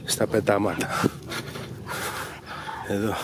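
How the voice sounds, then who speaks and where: A man's voice: lowish voice, fairly even intonation, very noisy. A man training hunting dogs, explaining each step methodically and calling to the dogs outdoors in the fields. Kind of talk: instructive commentary over training footage.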